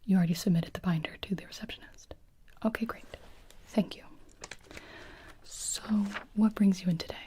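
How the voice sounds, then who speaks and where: A woman whispering hesitantly as a doctor in an ASMR roleplay, with soft fillers and pauses. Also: on the low side, fairly even intonation.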